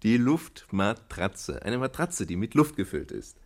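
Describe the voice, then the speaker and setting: A chuckling, patient dad. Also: male voice, medium pitch, sing-song, normal speed. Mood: amused teasing. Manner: chuckling, patient, gently teasing. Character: good-humored father of a small girl. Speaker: father in a children's audio play. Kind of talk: children's radio play acting.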